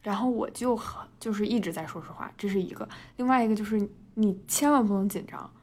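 A woman's voice: mid-range voice, brisk, a little mellow. A Chinese woman, chatting as a podcast co-host, laughing often, padding her talk with fillers and mixing in English words. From China. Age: 20s. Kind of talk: casual storytelling chat.

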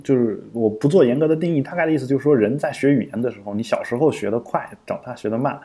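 A man's voice: mid-range voice, vocal fry, dark tone. A man co-hosting a podcast in casual explanatory chat, thinking aloud with frequent fillers and restarts. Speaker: podcast co-host.

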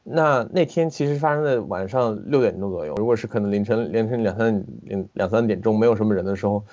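Low-voiced man on a lo-fi internet call. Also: fast. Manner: animated, with frequent restarts and hesitations. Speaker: guest film director. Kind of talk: casual conversation over a video call. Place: at home in the city.

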